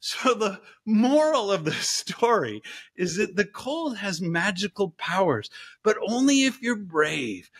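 A middle-aged man, a guest professor, telling a story in a casual, animated interview. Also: slightly rough. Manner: animated, acts out story voices with big pitch jumps. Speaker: guest, professor and ice bath company co-founder.

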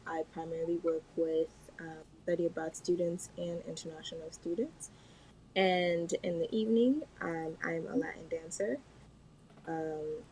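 A woman from Haiti introducing herself on a video call panel in a friendly, measured way. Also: low-pitched, slight background noise, rough recording. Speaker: panel guest. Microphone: video call webcam.

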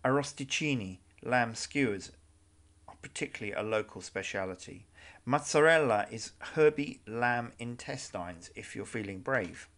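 Male narrator for a travel guide video, measured delivery with wry asides, mid-range voice. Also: medium pitch, animated, a bit bright.

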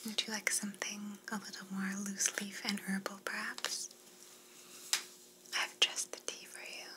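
A woman's voice: mid-range voice, level tone, normal speed, lightly acted. A young woman playing an attentive, courteous flight attendant in a whispered role-play, speaking politely as she offers service. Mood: courteous, soothing. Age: young adult.

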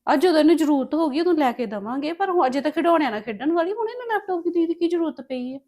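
A woman's voice: high-pitched, lively intonation, rapid-fire, a little mellow. A woman playing a strict mother who scolds her daughter and insists she get ready. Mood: scolding. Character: strict young mother, firm with stubborn daughter. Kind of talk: family drama acting.

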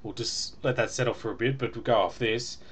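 A man's voice: medium pitch, steady tone, fairly quick, slight background noise. A young man casually reviewing a beer at home on a webcam, chatty and rambling with ums and small laughs. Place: small room at home, indoors.

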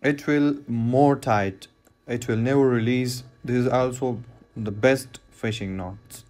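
Slow-talking man explaining knot tying. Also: mid-range voice, a little mellow, faint music behind. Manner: plain, repetitive step-by-step instructions with non-native phrasing. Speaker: fishing knot instructor. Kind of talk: hands-on tutorial voice-over.

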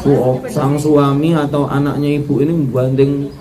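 A man's voice: a little high, moderate pace, a crowd in the background. A man telling a story in a sermon, acting out each character. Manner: lively storytelling, acts out every role. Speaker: preacher.

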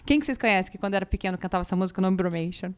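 A woman's voice: medium pitch, racing, clear, resonant tone. A Brazilian woman in her forties with a Brazilian Portuguese accent, hosting a casual English lesson through music and talking straight to her viewers in a chatty, playful way. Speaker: English teacher and channel host.

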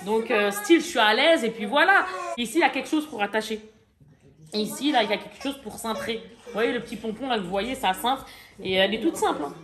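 A chatty woman in her forties shows off a shopping haul in a casual vlog, talking straight to viewers with plenty of fillers and asides. Her voice is fairly high and fast, with crowd noise in the background.

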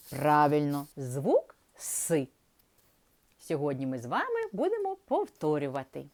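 A woman teaching young children to read, speaking slowly and drawing out each sound in a sing-song way. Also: on the low side, darkish tone. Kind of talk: primary school literacy lesson.

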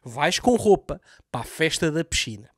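A man's voice: a little high, sing-song, moderate pace, fairly bright tone, no room sound, studio quality. A man with a Lisbon Portuguese accent doing a comedic recap of a TV series, sarcastic and full of swearing. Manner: sarcastic, swears a lot, mocks the scenes.

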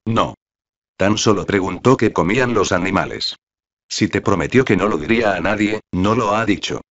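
Man reading stern father, very low, muffled audiobook sound. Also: moderate pace, a bit bright. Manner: firm, interrogating. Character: stern wealthy father, middle-aged man. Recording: dull lo-fi audiobook recording.

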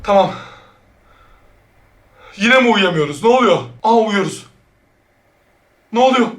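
A woman hosting a horror reaction video, jumpy and excitable, shrieking, laughing nervously and talking straight to her viewers. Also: medium pitch, a little slow, reverberant. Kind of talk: reacting to a horror short film.

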